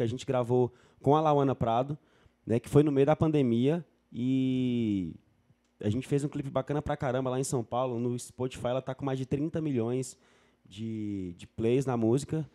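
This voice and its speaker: A man from Brasília, a singer, chatting casually as a guest and telling stories in a relaxed way. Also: mid-range voice, normal speed. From Brasília, Brazil. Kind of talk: casual chat.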